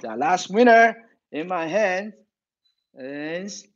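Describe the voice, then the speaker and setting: A hoarse man leads a live online class as its instructor. His voice sits a little high as he talks like an upbeat emcee in broken English. It comes through a phone with dull, lo-fi sound. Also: expressive, slow. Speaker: martial arts instructor.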